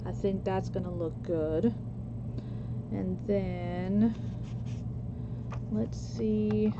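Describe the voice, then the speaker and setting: Hosting a casual crafting livestream, a slow, chatty woman from Costa Rica responds to viewers' chat comments as she works. Her voice is medium-pitched and steady, captured in a lo-fi recording with noise in the background.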